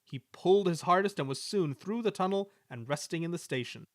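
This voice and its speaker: A man giving an expressive reading of a children's story. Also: sits high, a little fast, no room sound, clean studio sound. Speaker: storybook reader. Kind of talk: scripted narration of a children's story.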